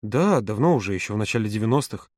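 A reserved, terse man, as a male audiobook reader plays him, answers in short, restrained phrases. The voice drops a bit lower and quieter than the narration. The recording is dry and close. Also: animated, fast, no echo. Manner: restrained, brief.

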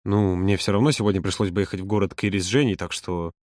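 A reserved, terse man, as a male audiobook reader plays him, answers in short, restrained phrases. The voice drops a bit lower and quieter than the narration. The recording is dry and close. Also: steady tone, quick pace, dry recording, lightly acted. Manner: restrained, brief.

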